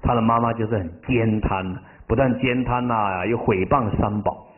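A man's voice: on the low side, fairly even intonation. A man as a Buddhist master giving a sermon and telling stories, drawing out the ends of his phrases with feeling. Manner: drawn-out emotional phrase endings. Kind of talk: sermon with storytelling. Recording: tinny phone-like sound.

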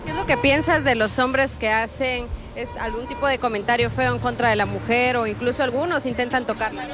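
A woman's voice: on the high side, over music. A young woman reporter on a city street, interviewing passers-by with a handheld mic. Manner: brisk questioning. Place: busy city street by bus stop.

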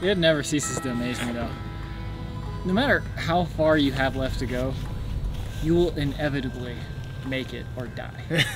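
A man's voice: medium pitch, normal speed, pauses often, music in the background. A young man joking wryly with a friend outdoors at a campsite. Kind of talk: casual chat.

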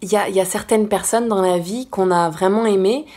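A woman's voice: medium pitch, brisk, darkish tone. A woman vlogger giving casual, encouraging advice straight to the viewer, chatty with frequent fillers. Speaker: lifestyle vlogger.

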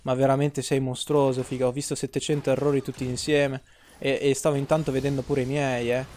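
Foul-mouthed streamer. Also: male voice, mid-range voice, little pitch movement, fairly quick, a little mellow, slight background noise. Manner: profane, ranting, teasing, talks to chat. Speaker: game streamer. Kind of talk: casual live-stream gameplay commentary.

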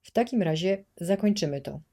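A woman voicing a cruel, bullying male administrator who shouts threats at children, in an audiobook reading. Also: low voice, moderate pace. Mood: menacing.

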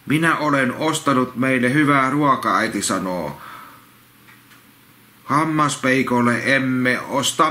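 A man reads a children's picture book aloud and keeps drifting into rambling, repetitive commentary full of false starts. His voice is bright and forward. The room is echoey, with faint noise underneath. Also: mid-range voice. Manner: repetitive, halting, full of restarts and asides. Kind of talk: casual read-along with rambling commentary. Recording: roomy echo, faint background noise.

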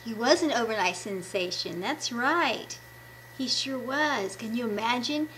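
Recorded on a webcam held at arm's length in a small home room, this fifties-aged woman presents puppets for children's ministry and delivers a devotional talk with real enthusiasm. She speaks a little high, expressive and unhurried, with a somewhat bright sound. There's a bit of hiss or hum, and the recording quality is low.

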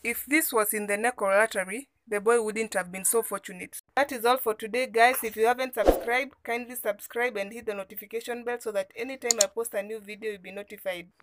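A woman's voice: a little high, steady tone, fairly quick, few pauses, noisy background. A woman reading scripted nature documentary narration as a video voice-over.

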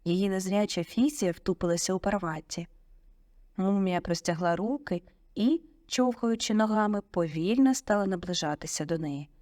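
A woman narrating an audiobook in a vivid, expressive storytelling manner on a close studio mic. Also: medium pitch, moderate pace, no echo.

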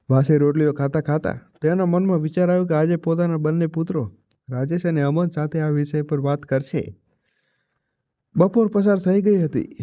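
A man reading a moral tale aloud as a storyteller, in a steady, even narrating style. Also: fairly high pitch, no room sound. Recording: dull, dry recording.

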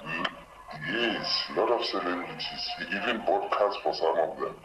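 A man with an electronically lowered, disguised voice, answering interview questions haltingly and repeating words as he searches for them. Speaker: prison inmate interviewee. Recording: echoey and noisy disguised recording.

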